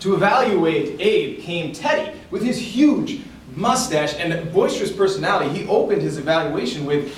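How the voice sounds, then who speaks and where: A man giving a tall tale speech in a theatrical storytelling manner with deliberate dramatic pauses, recorded indoors. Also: high voice, animated. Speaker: contestant in a club speech contest. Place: indoor room before an audience. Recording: echoey room, far from mic, noisy.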